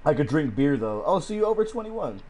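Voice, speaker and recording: A man's voice: fairly high pitch, big pitch swings, a little fast, darkish tone. A man streaming gameplay, talking to his chat in a slangy, casual way full of swearing. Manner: slangy, swears a lot, chats with viewers.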